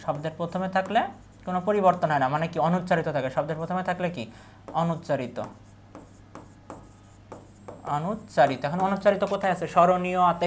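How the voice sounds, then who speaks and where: A man with a Bangladeshi Bengali accent, tutoring for university admission in an exam-prep lecture, asking each question and then repeating the answer. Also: sits high.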